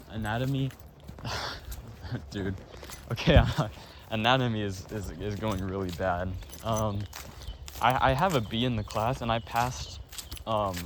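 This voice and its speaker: Stuffy-nosed, tired teen boy rambling. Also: lowish voice. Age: teens. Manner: rambling, full of fillers and apologies. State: stuffy nose. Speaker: student vlogger. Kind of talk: casual chat. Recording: noisy background.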